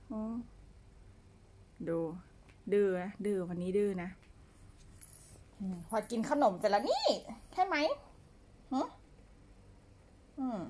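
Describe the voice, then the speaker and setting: Slow, doting woman coaxing her pets. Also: mid-range voice. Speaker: pet owner streaming live to fans. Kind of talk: casual live-stream chat. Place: home condo room.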